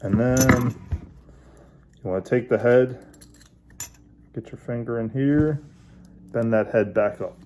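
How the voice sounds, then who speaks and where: A man hosting his own fishing channel, casually showing how he bends and adjusts a lure while he talks, in a relaxed hands-on way. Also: mid-range voice, takes it slowly, long pauses, background noise. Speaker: bass angler, channel host.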